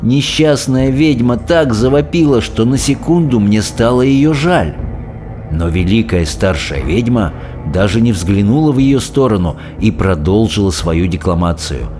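A man with a fairly low voice reads a storybook aloud in expressive, dramatic narration. His delivery rises and falls in a lively way. Faint music plays behind him. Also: a little slow. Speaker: audiobook reader.

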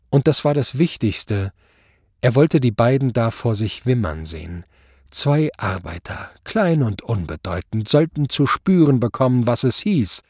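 Husky male narrator, dramatic audiobook read, lively pitch, dry close sound. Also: dry recording. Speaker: reader.

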